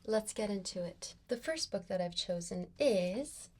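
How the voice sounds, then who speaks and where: A woman's voice: medium pitch, expressive, a little slow, a little mellow, a little hiss or hum. A young woman presenting a reading vlog to camera in an upbeat, playful, giggly way. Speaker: book vlogger. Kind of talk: scripted vlog talk to camera.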